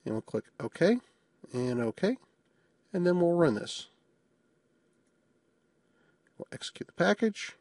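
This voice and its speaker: Husky man narrating a software demo. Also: fairly high pitch, sing-song, normal speed, no room sound. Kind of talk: screencast tutorial narration.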